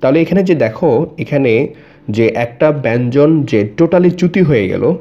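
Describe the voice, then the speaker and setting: A man's voice: mid-range voice, expressive, measured pace, mellow, dull audio. A man teaching an exam-prep grammar lesson, explaining step by step, repeating each example and answering his own questions.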